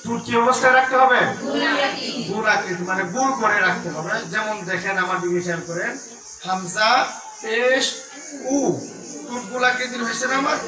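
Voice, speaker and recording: A man with a Bangladeshi Bengali accent leads a Quran reading lesson, chanting the letter sounds in a sing-song drill. His voice sits very high and moves at an unhurried, deliberate pace. He is recorded from a distance in an echoey room, with loud music underneath. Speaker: Quran teacher.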